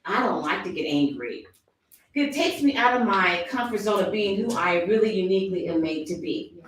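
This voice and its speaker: A woman's voice: medium pitch, animated, moderate pace, very echoey, recorded from a distance, rough recording. A woman giving a motivational talk to her sales team, acting out quoted thoughts and laughing often.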